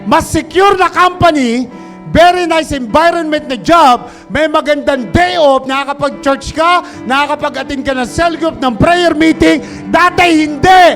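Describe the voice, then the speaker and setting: A male pastor preaching an animated sermon, mixing Tagalog and English, calling out to the congregation and shouting for emphasis. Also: very high voice, unhurried, soft background music.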